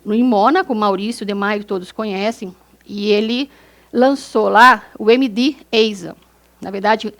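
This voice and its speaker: Brazilian lady doctor giving a talk, a bit high voice, lots of questions to the room, sao paulo accent. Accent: Brazilian Portuguese, São Paulo. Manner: animated, rhetorical questions, acted-out examples. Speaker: doctor giving a lecture on aesthetic medicine. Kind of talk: lecture to fellow doctors.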